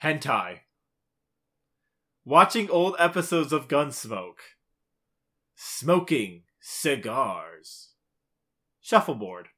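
A man co-hosts a podcast, trading casual, playful banter and sometimes reading out quiz questions teasingly. His voice is mid-range with a sharp tone.

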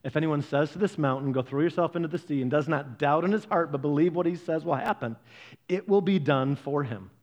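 A man preaching a sermon, animated and conversational, acting out quoted voices. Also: a little fast. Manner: animated, acts out quoted voices with big pitch jumps. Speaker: pastor.

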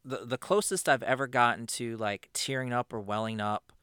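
A man co-hosting a podcast in casual chat, animated and swearing freely. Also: mid-range voice, normal speed, clean tone, no room sound, studio quality. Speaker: podcast co-host.

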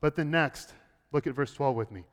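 Speaking at a normal speed, the man preaches as pastor, his delivery swinging from loud, high bursts to hushed, low sections. Repeated words frequently mark the beginning of his thoughts. Long hall reverb colors the recording.

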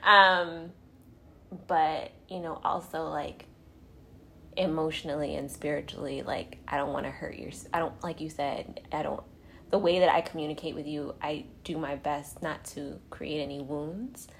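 A middle-aged woman, a podcast host and mother, talking slowly and tenderly, often dropping to a whisper. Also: deep voice, fairly even intonation, vocal fry, a bit bright, a little hiss or hum. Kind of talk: casual heartfelt conversation.

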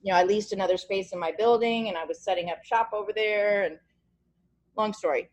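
This podcast host has a mid-range voice and a brisk pace, with a little hiss or hum on the line. Chatting over a video call, she rambles in a casual, encouraging way and frequently gropes for the right word.

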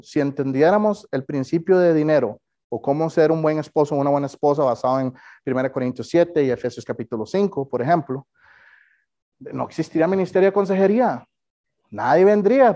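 A man's voice: fairly high pitch, mellow, highs cut off. A man preaching a sermon in a conversational way, often putting direct questions to his congregation. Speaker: pastor.

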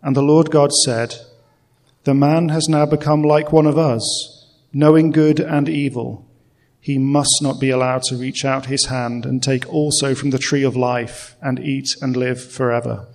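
A man reading a Bible passage aloud in church, slowly and deliberately. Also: medium pitch, a little mellow. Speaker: scripture reader. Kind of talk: slow scripture reading. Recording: long reverb of a church hall.

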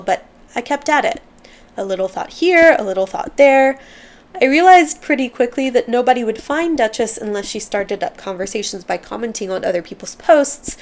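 Earnest woman reading aloud, slightly high voice. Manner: heartfelt, earnest, stumbles when moved. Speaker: book podcast host. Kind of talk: reading book excerpts aloud, then personal commentary.

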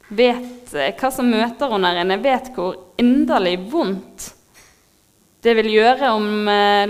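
A woman preaching a sermon in a heartfelt, moved way, pausing with fillers as she speaks. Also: medium pitch. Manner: heartfelt, moved, laughs softly, pauses with fillers.

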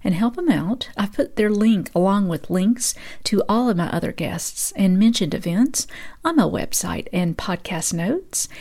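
Gravelly woman podcast host. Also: mid-range voice, darkish tone. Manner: reads event listings steadily. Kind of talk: scripted radio announcements.

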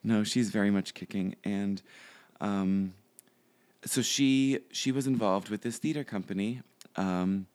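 A young podcast guest speaks in a lowish, unhurried voice with a darkish tone. His casual interview chat rambles, full of fillers and restarts.

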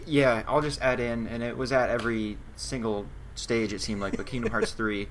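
A man's voice: mid-range voice, steady tone, normal speed, slight background noise. A man co-hosting a podcast, rambling loosely in casual chat with a lot of "like"s. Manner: rambling, loose, lots of likes. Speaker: podcast co-host.

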